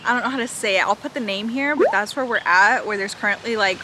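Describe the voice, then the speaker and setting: A woman's voice: mid-range voice, quick pace, pushed and bright, a little hiss or hum, rough recording. A young woman chatting casually in a book vlog from a beach, rambling with lots of "like" fillers. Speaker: book vlogger. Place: outdoors at a beach.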